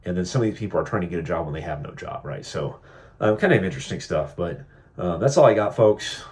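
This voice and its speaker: A man's voice: low-pitched, expressive, fast. A man giving casual political commentary in a vlog, sarcastic and joking, rambling with lots of fillers. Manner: mocking impressions of politicians. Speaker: political vlogger.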